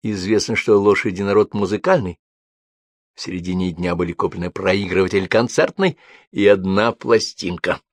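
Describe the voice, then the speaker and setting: Man reading a story, low pitch, deadpan, wry, dry studio sound. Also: dry recording. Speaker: narrator.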